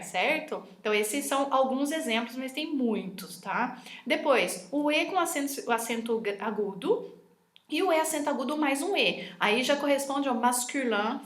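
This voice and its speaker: Chatty woman teaching with slides. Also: on the high side. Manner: chatty and enthusiastic, often ends with "tá?". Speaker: French teacher. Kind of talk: online lesson over slides. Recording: echoey room.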